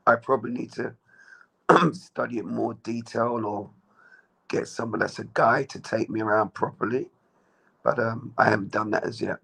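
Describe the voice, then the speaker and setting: A man from Jamaica, giving measured, plain-spoken answers as an interview guest. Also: medium pitch, fairly even intonation, vocal fry, fairly bright tone, breathy edge, poor audio.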